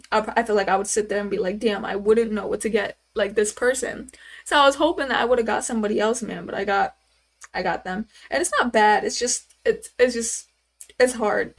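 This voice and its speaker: A woman's voice: on the high side, brisk. Chatty young woman streamer. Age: 20s. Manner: chatty, rambling, answers chat questions with many fillers. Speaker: livestreamer. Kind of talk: casual live-stream chat.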